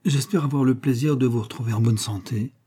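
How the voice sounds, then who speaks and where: A male reader voicing a polite gentleman who apologises quickly and courteously, a little flustered. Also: mid-range voice, slightly rough, lightly acted.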